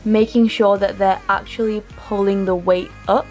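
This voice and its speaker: This young adult woman speaks like a fitness vlogger in a casual, chatty vlog and workout voiceover, rambling slightly and repeating words to emphasise them. Her medium-pitched voice is level and darkish at a normal speed, with faint music behind.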